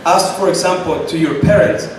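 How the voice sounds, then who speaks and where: Here a high-voiced man talks at normal speed with a Chilean Spanish accent. He is a guest at a startup event who answers questions forcefully, repeating points for stress. Noise and echo fill the recording, which sounds far away.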